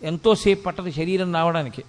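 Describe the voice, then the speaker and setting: High-voiced man preaching in a reverberant hall. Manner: chants Sanskrit verses slowly, rebukes in quick rhetorical questions. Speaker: spiritual discourse speaker. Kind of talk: Telugu religious discourse.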